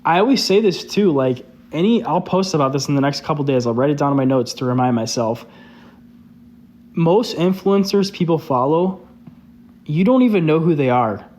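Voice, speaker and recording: A young male streamer and social media creator talks casually to his audience, candid and loose, peppering his speech with "like." His fairly high voice has a darkish tone and is expressive, delivered at normal speed.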